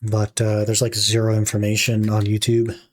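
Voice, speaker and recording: Typing on a keyboard can be heard as a young gaming streamer chats casually with his viewers, thinking aloud while he plays. His lowish voice has gone slightly raspy from talking, and he keeps a moderate pace.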